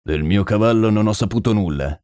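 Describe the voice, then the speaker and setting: A stern, proud old colonel with a low, dry voice, as the narrator puts him on. He speaks in cold, clipped sentences in an audiobook reading. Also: fairly quick, a little mellow, clean tone, dry recording, close to an everyday voice. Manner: cold and clipped, then agitated. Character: stern proud older male colonel, racehorse owner.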